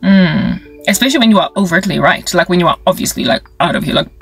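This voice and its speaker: Animated South African woman in her forties. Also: lowish voice, fast, vocal fry, soft background music. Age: 40s. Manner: animated and wry, with sound effects and mixed-in local languages. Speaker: vlogger and ministry creator. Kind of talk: casual monologue to camera.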